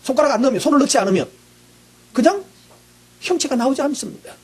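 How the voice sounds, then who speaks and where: A male pastor preaching a sermon, asking the congregation questions and answering them himself, often clearing his throat. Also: very high voice, expressive, quick pace, a little mellow.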